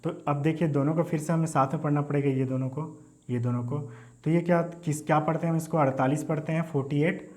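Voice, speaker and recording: A man's voice: fairly high pitch, fairly even intonation, fast talker, a little mellow. A man teaching a maths lesson in Hindi, mixing in English terms and often checking in with "okay?". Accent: Hindi, Indian. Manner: repeats "ठीक है" and "है ना" as check-ins, mixes English terms into Hindi. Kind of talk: classroom lesson explaining number places.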